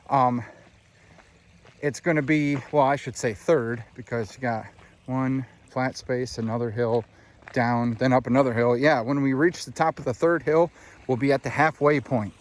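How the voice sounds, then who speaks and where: A man's voice: mid-range voice, steady tone, moderate pace. A young man walking outdoors up a hilly rural road, out of breath and chatting casually to viewers as he films himself. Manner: chatty, addresses viewers as friends and dudes. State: out of breath, winded. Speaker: vlogger. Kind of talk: casual walking vlog narration.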